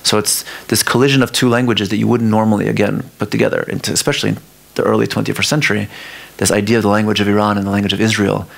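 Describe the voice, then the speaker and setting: In a museum lecture hall, a male artist whose first language is Farsi talks about his work in a lowish, level voice with vocal fry. He speaks haltingly, often restarting sentences as he thinks his ideas through aloud.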